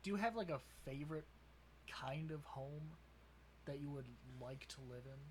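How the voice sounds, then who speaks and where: A man's voice: on the high side, normal speed, a little hiss or hum. A young man with a Wisconsin accent, co-hosting a podcast in casual chat, rambling and laughing often. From Wisconsin, USA. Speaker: podcast co-host.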